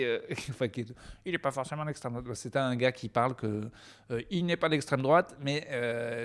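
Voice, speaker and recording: Young man, hoarse, rambling, crude jokes, comic monologue, average pitch. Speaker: comedy vlogger. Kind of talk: comedic monologue.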